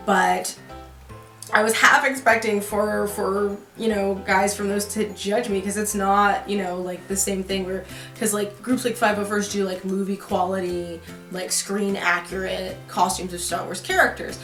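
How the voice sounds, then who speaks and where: A young woman chats casually to camera from her apartment, rambling through her story with plenty of fillers and false starts. Her voice sits at an ordinary pitch for a woman. The room gives it a roomy echo, with faint music underneath. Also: a bit bright. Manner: rambling, filler-heavy, with many restarts. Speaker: vlogger. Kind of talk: casual chat.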